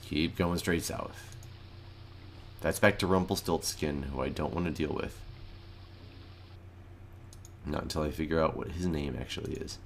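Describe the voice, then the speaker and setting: A man's voice: rumbling low, fairly even intonation, a little slow, creaky, pauses often, a little hiss or hum. A man casually commenting as he plays through an adventure game, thinking aloud. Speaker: gameplay commentator. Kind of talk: casual let's-play commentary.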